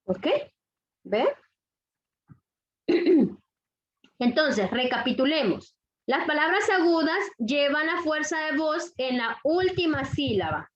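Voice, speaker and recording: Teaching a grammar lesson to young children, a woman speaks in a high-pitched, expressive voice. Slow and deliberate, she repeats every rule and checks understanding with questions; the audio is dull and lo-fi.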